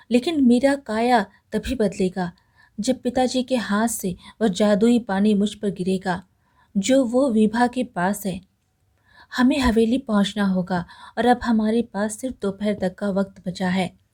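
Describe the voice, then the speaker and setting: A woman's voice: medium pitch, warm tone, close to an everyday voice. Woman voicing a cursed young woman. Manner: earnest, explaining.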